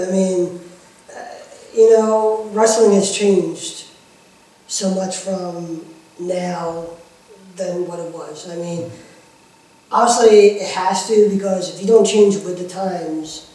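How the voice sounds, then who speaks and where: A man's voice: high-pitched, steady tone, slow pace, pauses often, warm tone. A man who works as a pro wrestling manager, chatting casually and talkatively in an interview, repeating himself for emphasis. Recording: echoey room, far from the mic.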